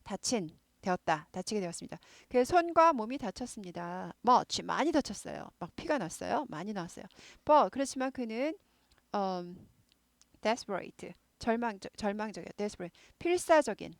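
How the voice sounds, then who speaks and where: A woman's voice: mid-range voice, big pitch swings, vocal fry, no echo. Korean woman teaching English, dry close sound. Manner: repeats words and slowly spells out English phrases. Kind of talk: explaining English news to Korean learners.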